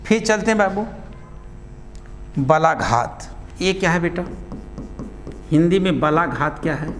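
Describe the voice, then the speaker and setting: High-voiced man teacher, slow, repeating phrases. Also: lively intonation, big-room sound, slight background noise. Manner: repeats phrases slowly for students to write, calls them "beta" and "babu". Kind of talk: classroom lesson, dictating notes.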